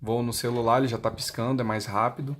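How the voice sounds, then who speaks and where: Speaking quickly in a level, medium-pitched voice, a Brazilian Portuguese-accented man demonstrates an intercom he sells. His explanation is unscripted, plain, and goes step by step. The audio is clearly noisy and has clicks.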